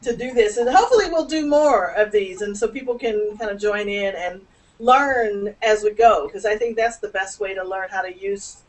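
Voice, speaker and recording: A woman's voice: mid-range voice, moderate pace, distant mic, low-quality recording. A woman hosting a casual video call chat, chatty and laughing often, with many restarts. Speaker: host.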